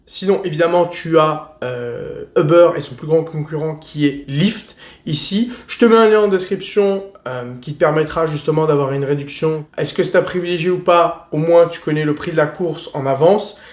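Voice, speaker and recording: A male travel vlogger handing out tips in a slangy, blunt, joking way. His voice sits a bit high. The recording has a roomy echo. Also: moderate pace. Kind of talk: casual advice vlog.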